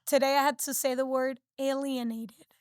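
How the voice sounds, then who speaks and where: High-voiced chatty young woman. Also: little pitch movement, normal speed, clear, resonant tone, no echo, clean studio sound. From Peru and the United States. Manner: chatty, heavy use of filler "like". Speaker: podcast guest. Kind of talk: casual interview chat.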